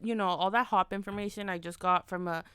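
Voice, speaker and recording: A woman's voice: medium pitch, fairly even intonation, quick pace, fairly bright tone, smooth, no room sound. A woman co-hosting a casual beer podcast, reading out hop facts with many restarts and corrections. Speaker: podcast co-host. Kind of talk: casual chat.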